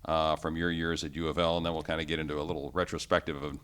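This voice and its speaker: A low-voiced male host who talks quickly with a bright, forceful edge. He keeps the interview moving with brisk, upbeat questions and quick replies. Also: level tone, smooth. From New York State. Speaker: radio show host.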